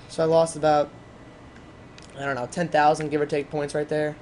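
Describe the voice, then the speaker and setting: Male gameplay commentator, rambling and excitable, casual chat with viewers, slightly raised pitch. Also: normal speed, a little hiss or hum.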